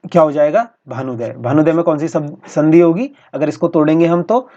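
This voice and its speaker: A male teacher going through practice exam questions in a steady, explanatory way, often repeating each answer. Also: a little high, moderate pace. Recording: dull lo-fi recording.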